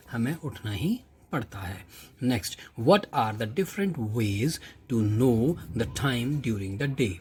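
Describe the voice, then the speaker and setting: Indian guy teaching a kids english lesson, talks slow and even, reads each line then explains, faint room hum. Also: medium pitch.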